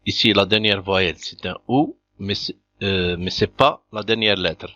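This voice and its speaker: A man's voice: deep voice, a little slow, sharp tone. A man teaching a beginner language lesson, patiently working through example after example. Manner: patient, methodical, repeats examples. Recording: dull lo-fi dry recording.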